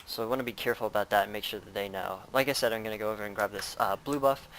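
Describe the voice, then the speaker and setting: A man's voice: on the low side, fairly even intonation, racing, a bit bright, a little hiss or hum. A man giving casual, rambling commentary over his own gameplay, with many fillers.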